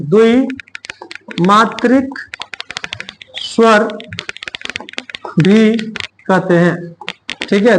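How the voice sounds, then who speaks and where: A male teacher giving a grammar lesson, dictating slowly and repeating phrases word by word. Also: very high voice, slight background noise.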